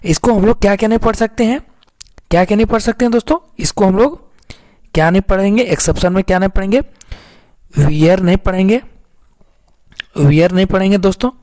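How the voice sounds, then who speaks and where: A man's voice: high voice, quick pace, darkish tone. A man teaching English phonics in an online lesson, repeating himself and asking questions that he then answers. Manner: repetitive, quizzing, answers his own questions.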